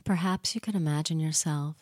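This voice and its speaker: A woman with a low, mellow voice guides a relaxation session at an unhurried pace. She speaks soothingly, repeats herself gently and sometimes drops into a soft whisper. The recording is dry and close. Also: dry recording. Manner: slow, soothing, gently repetitive. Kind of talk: guided hypnosis meditation.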